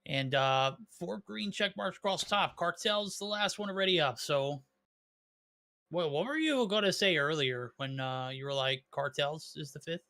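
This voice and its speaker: A man co-casting an online esports match in a bright, forceful voice that sits a little high. He keeps things upbeat, jokes around and hypes up the players. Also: moderate pace. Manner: upbeat, hype-driven and joking. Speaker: esports caster. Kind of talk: play-by-play commentary.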